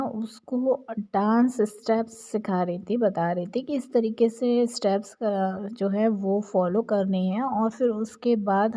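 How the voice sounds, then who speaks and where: A young woman runs through show moments in a chatty, gossipy way, leaning on fillers as she talks. Her voice is soft and mellow, with no edge at all. Her pitch sits in the middle range. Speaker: entertainment vlogger. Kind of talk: casual commentary on reality show clips.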